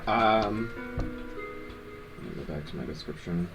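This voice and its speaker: A man's voice: low-pitched, lively intonation, unhurried, music in the background, rough recording. A man playing a tabletop game, hesitant when speaking for himself and brash when in character. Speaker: player.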